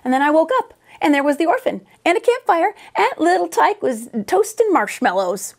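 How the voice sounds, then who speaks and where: Recorded indoors on a lapel microphone, a middle-aged American woman reads a kids' story at a moderate pace. Her voice is very high-pitched, and she uses an expressive, drawling, folksy Western dialect.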